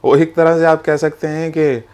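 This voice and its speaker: A man's voice: fairly high pitch, level tone, normal speed, a little mellow, clear, resonant tone. A man talking about his food business in an interview. He explains at length, telling the history behind each dish and dropping in English words as he goes. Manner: explanatory, storytelling, mixes English phrases into Hindi.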